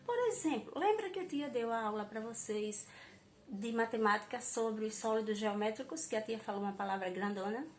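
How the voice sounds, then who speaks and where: A woman's voice: fairly high pitch, brisk, a little hiss or hum. A Brazilian woman primary school teacher giving a recorded class to young children, stretching out key words syllable by syllable in a patient, sing-song teaching voice. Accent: Brazilian Portuguese.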